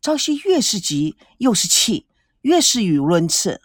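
Expressive woman narrating a novel. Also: mid-range voice, moderate pace, no room sound, studio quality. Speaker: audiobook narrator. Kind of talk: storybook narration.

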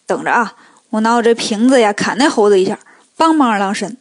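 A woman voicing a brisk, chatty female goddess in a storybook tale. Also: medium pitch, lively intonation, pitched below the performer's own voice, lightly acted. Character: female bodhisattva, brisk and sure of herself.

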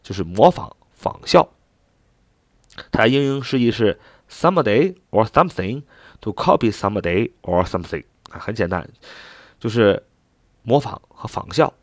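A man's voice: fairly low pitch, animated, moderate pace, no echo. A man teaching English vocabulary, explaining step by step with filler particles and spelling each word out letter by letter. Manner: spells words out letter by letter and repeats them.

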